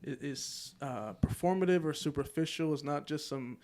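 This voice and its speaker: A man co-hosting a church podcast, explaining a study in a thoughtful, steady way. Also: on the high side, moderate pace. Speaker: podcast co-host. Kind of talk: podcast discussion.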